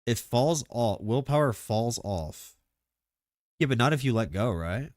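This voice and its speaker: A man streaming live, chatting casually and excitably about game mechanics, rambling with lots of filler words. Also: mid-range voice, unhurried, no echo, studio quality.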